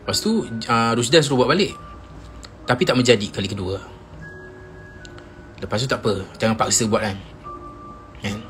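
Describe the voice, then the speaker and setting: Young Malaysian guy storytelling on a phone live stream, lively delivery, faint music underneath. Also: medium pitch, moderate pace, long pauses. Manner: animated, acts out friends' shouts in quoted lines. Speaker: Instagram live host.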